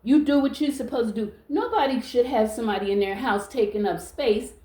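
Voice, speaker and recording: A woman's voice: a little high, expressive, a little fast, roomy sound. Blunt, outspoken woman in her sixties. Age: 60s. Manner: blunt, loud and outspoken, swears freely. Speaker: vlogger. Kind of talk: casual monologue to camera.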